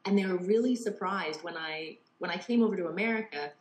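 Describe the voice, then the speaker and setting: Speaking a little fast in a lowish voice, a poker TV presenter from Canada, her accent touched with English traces, gives a chatty interview full of fillers like "like" and "you know." The room is echoey, with faint background noise.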